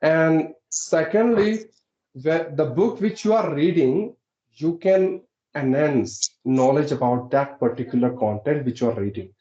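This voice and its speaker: Guy from uttarakhand explaining english stuff, kinda high voice, muffled. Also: a little slow, mellow. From Uttarakhand, India. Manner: polite, explaining, frequent "right?". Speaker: English teacher, channel host. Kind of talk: casual conversation practice. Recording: echoey, dull lo-fi sound.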